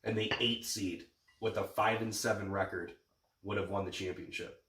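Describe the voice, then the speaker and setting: A man's voice: lowish voice, steady tone, moderate pace, a bit bright. A man with a congested, blocked-nose voice in casual, boastful, sweary sports banter as a podcast host. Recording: echoey room, distant from mic.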